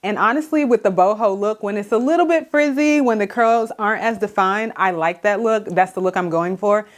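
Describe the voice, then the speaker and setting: A woman's voice: mid-range voice, a little fast. A woman talking casually to camera in a hair tutorial vlog, chatty and enthusiastic with many fillers, a little out of breath. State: slightly out of breath. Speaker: beauty vlogger. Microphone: camera mic, on camera.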